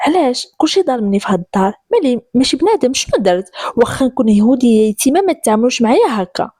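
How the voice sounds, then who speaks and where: A woman with a Moroccan accent voicing a sharp-tongued young woman who teases and snaps back quickly. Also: mid-range voice, expressive, dry recording, clean studio sound, close to an everyday voice. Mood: indignant. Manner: teasing, quick retorts.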